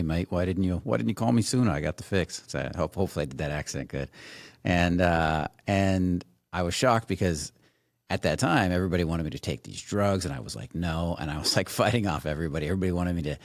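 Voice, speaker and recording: Brief: middle-aged male host, rambling and excited, dry close recording. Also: a bass voice, vocal fry, no echo. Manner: enthusiastic, rambling, many fillers. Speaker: podcast host. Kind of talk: casual interview chat.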